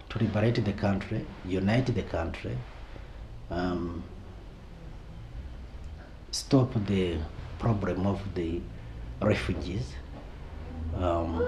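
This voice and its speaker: A man's voice: low-pitched, background noise. A man in his forties, born in exile, recounting his past in a documentary interview, hesitant with many fillers and restarts. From Rwanda. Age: 40s.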